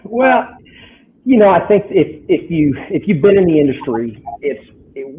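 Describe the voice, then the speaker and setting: Texan man on a tinny line. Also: mid-range voice. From Texas, United States. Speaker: guest, trucking company representative. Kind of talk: explaining on a video talk show. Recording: tinny phone-like line with background noise.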